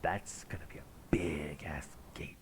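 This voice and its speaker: A man streams a video game live, reading the dialogue out loud and tossing in casual commentary with sweary interjections. He whispers in an extremely low voice, unhurried and fairly even in intonation. Game music plays behind him.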